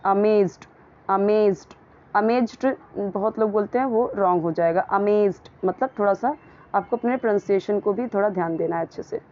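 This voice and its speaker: A woman teaching English grammar and pronunciation in a casual, patient way, often repeating words slowly so they can be copied. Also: mid-range voice, dull audio.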